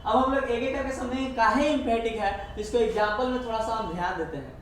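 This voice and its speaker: A man teaching an English grammar lesson, explaining step by step and repeating each example slowly. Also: very high voice. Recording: echoey room, far from the mic, faint hiss.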